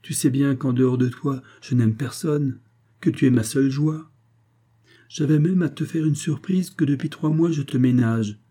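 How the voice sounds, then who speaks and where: A man reading an audiobook, voicing a domineering middle-aged billionaire father who speaks forcefully and reproachfully. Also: mid-range voice, moderate pace, pitched above the performer's own voice, close to an everyday voice. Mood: coaxing. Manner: forceful, reproachful, rising to emphatic outbursts.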